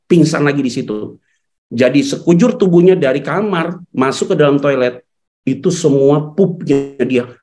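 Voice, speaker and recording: A man preaching a storytelling sermon as a pastor at a church service. He talks emotionally, swings from loud outbursts to hushed tones, drops into casual slang and keeps addressing the congregation directly. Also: mid-range voice.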